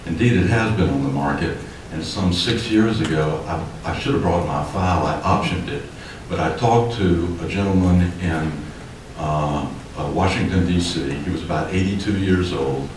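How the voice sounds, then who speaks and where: At the podium of an indoor city commission chamber, an older developer delivers public comment in a low voice at a moderate pace, emphatic and gesturing as his heat rises. The podium mic sounds distant in the echoey hall, with background noise.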